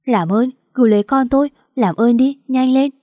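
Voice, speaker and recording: Woman reading desperate young mother, raised and pleading, warm dry read. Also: on the high side, normal speed, no echo, lightly acted.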